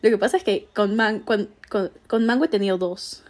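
A woman's voice: mid-range voice, normal speed, a little mellow. A young woman with a Peruvian Spanish accent, telling a story in casual chat and laughing often.

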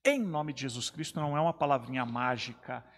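A man's voice: mid-range voice, a little fast, in a large hall. A man, a pastor, speaking emphatically in a discussion and repeating his key phrases to drive them home. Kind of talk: preaching in a two-man discussion.

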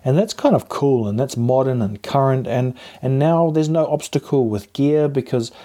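Mellow man hosting podcast on lapel mic. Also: mid-range voice, normal speed. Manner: encouraging, informal coaching. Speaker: podcast host. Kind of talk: advice podcast, casual monologue to listeners. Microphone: lapel mic plugged into a phone.

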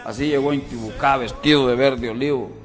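A middle-aged man giving a personal testimony at a men's church event, swinging from loud outbursts to hushed confession. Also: medium pitch, fairly even intonation, a little fast, faint music behind.

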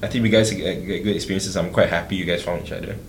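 A man's voice: sits low, fairly even intonation, quick pace, a little hiss or hum. A young man hosting a casual podcast chat, joking and laughing often. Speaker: podcast host. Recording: roomy echo.

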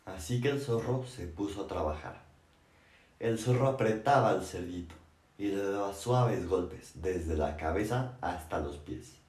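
A man narrates a children's storybook in a calm, even reading. His voice is fairly low. It rings with a roomy echo. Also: a little slow, distant mic.

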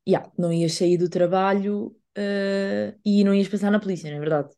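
A woman's voice: mid-range voice, fairly even intonation, moderate pace, dark tone. A woman with a European Portuguese accent in casual chat, reacting and asking short questions. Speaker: podcast co-host.

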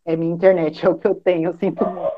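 A man's voice: high-pitched, little pitch movement, very fast. A man in a Bible study group call speaking through headphones, his voice breaking up over a bad internet connection, talking hesitantly. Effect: choppy, cutting-out internet call audio. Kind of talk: casual group video call discussion. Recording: muffled lo-fi online call.

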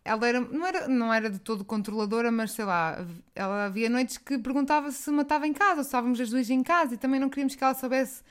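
Young woman, European Portuguese accent, podcast co-host, casual chat, laughs a lot, somewhat high pitch. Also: rapid-fire, few pauses, clear, resonant tone. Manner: laughing storyteller.

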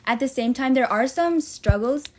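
A woman's voice: sits high, animated, normal speed, darkish tone. A young woman co-hosting a podcast in casual chat, rambling with many fillers and frequent giggles. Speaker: podcast co-host.

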